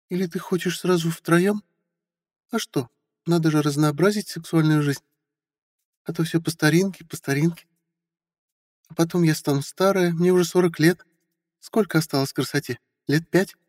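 A man putting on a bitter, high-voiced forty-year-old wife. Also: darkish tone, no echo, clean studio sound, long reverb tail. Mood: bitter sarcastic. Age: 40s. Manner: bitter, sarcastic. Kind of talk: audiobook character voice.

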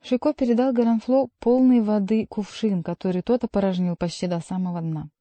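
A woman narrating a novel aloud in an even, measured reading. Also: medium pitch, no echo. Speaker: audiobook narrator. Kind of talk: scripted narration.

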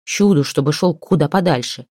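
A woman's voice: sits low, normal speed, a little mellow, slightly rough, no echo, clean studio sound. A woman voicing a stubborn, bitter woman who snaps and grumbles. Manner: curt, grumbling, snapping.

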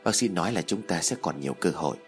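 Man reading a soft-spoken grieving young husband. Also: lowish voice, very animated, fast talker, over music. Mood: tender. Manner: soft, consoling.

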